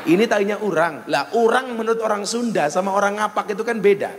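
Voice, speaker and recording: Before an audience in a large venue, a Javanese-accented man with a high-pitched voice gives a funny sermon at a quick pace. He mixes Javanese with Indonesian and voices the characters in his tales, and the recording has a long reverb tail.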